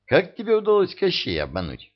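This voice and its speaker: A man's voice: high-pitched, huge pitch swings, a little fast, pitched above the performer's own voice, heavily acted. A man voicing a young, spirited tsar's daughter who is dreamy, curious and frank. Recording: dull lo-fi audio.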